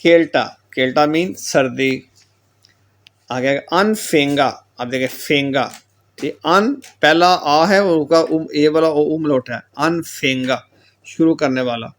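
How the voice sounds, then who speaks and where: A man's slightly high voice leads a patient classroom lecture on German pronunciation. He works through word lists, stating each word and what it means, and regularly adds the filler tag "theek ho gaya ji."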